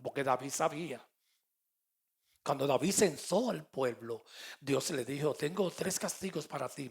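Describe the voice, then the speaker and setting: A middle-aged man with a Puerto Rican accent, a pastor preaching a sermon and telling stories, moving between loud and soft. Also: mid-range voice, creaky. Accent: Puerto Rican Spanish. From Puerto Rico. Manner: storytelling with quoted dialogue, swings between loud and soft.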